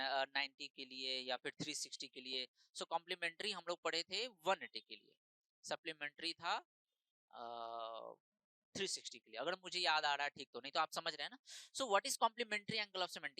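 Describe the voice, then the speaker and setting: A woman teaching an exam-prep lecture, explaining points in Hindi and reading English phrases out slowly, repeating herself for emphasis. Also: lowish voice, sharp tone, no room sound, low-quality recording.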